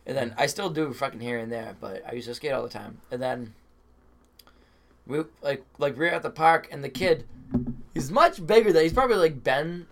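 A man's voice: on the high side, lively intonation, moderate pace, vocal fry, a little hiss or hum. A man from Massachusetts, a stand-up comic and podcast guest, telling a crude, rambling story full of swearing and filler words. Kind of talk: casual chat, storytelling.

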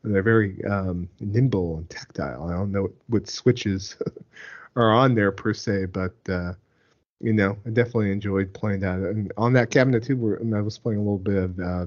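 A man co-hosting a casual gaming podcast, his voice gravelly from a mild virus. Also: on the low side, normal speed, dull audio. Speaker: podcast co-host.

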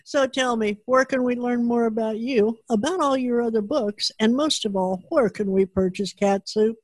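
A woman's voice: on the high side, normal speed, dry recording. Upbeat woman interview host. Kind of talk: friendly interview hosting.

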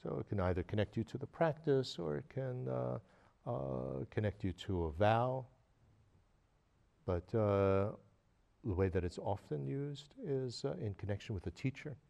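A man with a gravelly, creaky voice gives a relaxed dharma lecture. He speaks at a middle pitch, pauses often on fillers and searches for words. He slips small chuckles into his anecdotes. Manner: hesitant, many fillers and pauses; storytelling with frequent chuckles. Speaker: Buddhist teacher.

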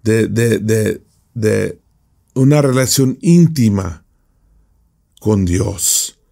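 Slow, deliberate male preacher. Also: lowish voice, animated, vocal fry, mellow. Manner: slow, deliberate, with frequent rhetorical tag questions. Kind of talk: Bible study sermon.

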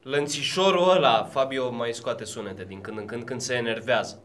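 A man playing a loud menacing dealer. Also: mid-range voice, close to an everyday voice. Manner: slow, threatening, theatrical. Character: menacing male drug dealer debt collector. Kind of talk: improvised comedy sketch.

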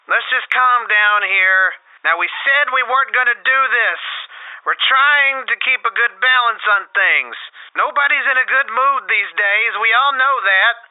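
A man voicing an exasperated, short-tempered male debate moderator who curses, on a tinny phone-like recording. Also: very high-pitched. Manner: exasperated, cursing. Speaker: podcast host. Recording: tinny phone-like dry sound.

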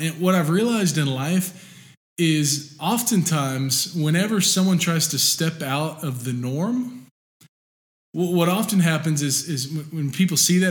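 A man preaching a sermon in a relaxed conversational way, with many fillers and restarts. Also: fairly high pitch. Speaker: pastor.

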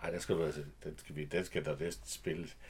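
A man co-hosting a casual film chat, animated and chiming in often. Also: rumbling low, breathy edge. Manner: animated, chiming in with short replies. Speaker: podcast co-host.

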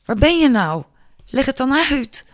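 A man's voice: high-pitched, normal speed, no echo, clean studio sound, pitched above the performer's own voice. A man voicing a frightened but defiant young girl in an audiobook, speaking in a pleading, tense way. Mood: urgent.

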